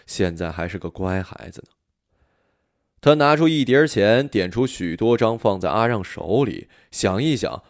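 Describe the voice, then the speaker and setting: A man narrating an audiobook story in an expressive, animated storytelling manner. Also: low-pitched, no echo, studio quality.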